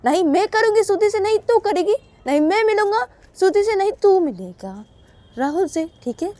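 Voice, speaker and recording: A woman's voice: very high voice, lively intonation, normal speed, darkish tone, no room sound. A woman voicing a possessive, stubborn older sister who keeps insisting and demanding answers in a spoken storybook. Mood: defiant. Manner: insistent, repeatedly demanding "haan?".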